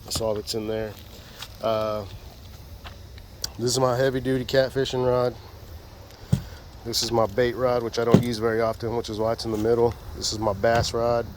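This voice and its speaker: This outdoor clip has background noise and features a man going over his fishing gear, his medium-pitched voice blocked up by a sinus infection. The fishing vlogger keeps a level tone at normal speed, with long pauses, rambling folksily and filling gaps with ums and the like.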